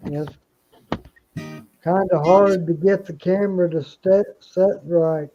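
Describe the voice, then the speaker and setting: A man's voice: high-pitched, steady tone, slow, dull audio, faint music behind. A man with an Oklahoma accent chatting casually as a guest on a remote call. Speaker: livestream guest calling in. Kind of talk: casual chat.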